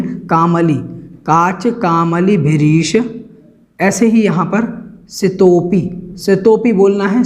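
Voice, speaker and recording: A man teaching a recorded scripture lesson, explaining the text slowly and repeating words to show how they are pronounced. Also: high-pitched, a little mellow. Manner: slow, careful, repeats words for pronunciation. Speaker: religious teacher.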